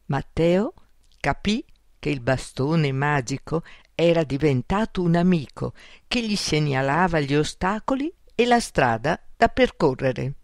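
Slow, careful woman storyteller. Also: deep voice, expressive, no echo, studio quality. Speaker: audiobook narrator. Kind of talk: scripted narration of a children's fairy tale.

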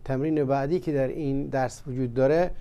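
A man teaching vocabulary in a language lesson, explaining slowly with many pauses and fillers. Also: medium pitch, steady tone, dark tone, clean tone. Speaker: Arabic teacher. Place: studio.

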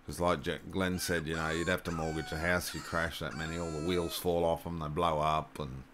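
A man's voice: a bass voice, flat delivery, brisk, background noise. A man from Australia with a mild Australian accent, chatting in an easygoing way while playing a hunting game. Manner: easygoing, laughs along. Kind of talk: casual gaming chat.

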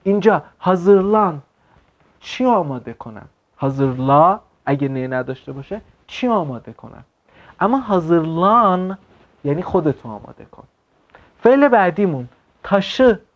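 A man teaching an online language lesson, explaining words slowly and checking in with quick questions. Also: fairly high pitch, big pitch swings. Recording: slightly dull lo-fi sound.

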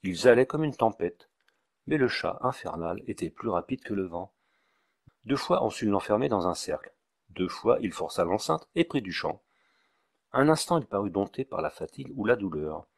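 Man, audiobook narrator, low voice, measured, expressive storytelling. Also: vocal fry. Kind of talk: audiobook reading of a classic novel.

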